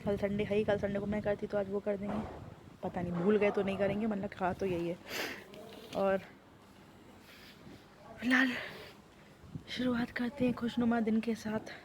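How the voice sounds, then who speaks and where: A young woman with a sore throat, talking slowly and softly in a casual home vlog from a sunny rooftop. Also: medium pitch, steady tone, background noise. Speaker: vlogger.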